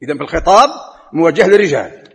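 High-voiced Moroccan preacher in a reverberant hall. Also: male voice, animated, quick pace, vocal fry, fairly bright tone. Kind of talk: Friday sermon with religious rulings. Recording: long reverb of a large hall.

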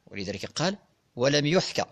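A man's voice: medium pitch, very animated, a little fast, fairly bright tone. A man teaching classical grammar, methodically explaining and repeating examples to his students. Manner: methodical, repeats and spells out examples, addresses listeners directly.

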